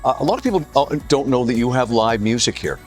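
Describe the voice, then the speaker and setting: A man hosting a TV segment in a restaurant, jokey and energetic as he wraps up the show. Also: medium pitch, quick pace, soft background music. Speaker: host. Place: restaurant, Vancouver.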